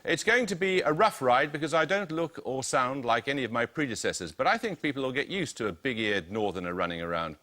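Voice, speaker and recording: Male quiz host, bright, precise delivery, reads questions crisply. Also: medium pitch, sing-song, brisk, few pauses. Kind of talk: reading quiz questions and team introductions.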